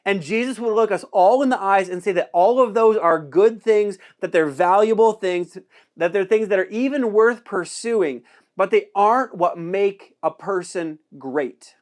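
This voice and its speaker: High-voiced pastor preaching conversationally. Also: male voice, unhurried, darkish tone. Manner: conversational, repeating key phrases for emphasis. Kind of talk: sermon.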